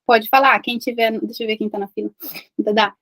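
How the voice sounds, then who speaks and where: A woman's voice: on the high side, fairly even intonation, a little fast, a bit bright. Emotional Brazilian woman giving testimony. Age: 30s. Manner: emotional, repetitive, confiding. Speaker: online community host. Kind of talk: personal testimony to a live group.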